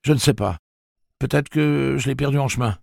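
A defiant teenage boy, curt and worn out, pushed well up in pitch from a deep, gravelly reading voice, as a man puts him on. He stretches his words out in slow, emphatic bursts. The recording is close and dry. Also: no echo.

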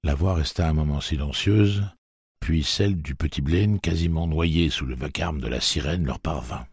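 Deep gravelly male narrator. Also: a little mellow, dry recording, studio quality. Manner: low, measured, dramatic reading. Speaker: audiobook narrator. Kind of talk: scripted narration.

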